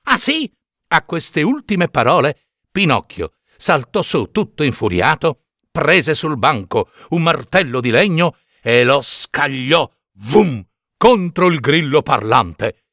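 A man reading a children's story aloud in a lively, unhurried way. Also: on the high side, dry recording, clean studio sound.

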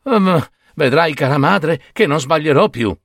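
A man's voice: fairly high pitch, animated, a little slow, a bit bright, no room sound, studio quality, voice pushed up, full character voice. A man voicing a foolish, naive young peasant who greets people in an eager, sing-song way.

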